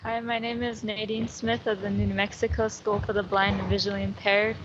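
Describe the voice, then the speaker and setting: A woman's voice: mid-range voice, little pitch movement, brisk, fairly bright tone. A female student introducing herself and asking a prepared question aloud. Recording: muffled, clearly noisy event audio.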